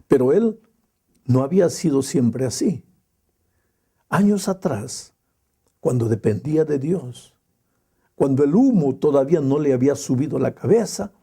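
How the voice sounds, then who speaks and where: Male pastor preaching, dark mellow tone, big pitch swings, lots of dramatic pauses. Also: gravelly, breathy edge. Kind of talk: sermon.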